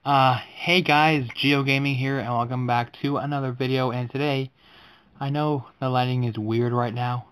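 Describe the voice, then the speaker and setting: A man's voice: medium pitch, steady tone, normal speed, fairly bright tone, clean tone. A young man giving casual reaction commentary to a scare challenge, sounding like a nervous, easily startled horror streamer. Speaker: gaming YouTuber. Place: dark indoor room at night.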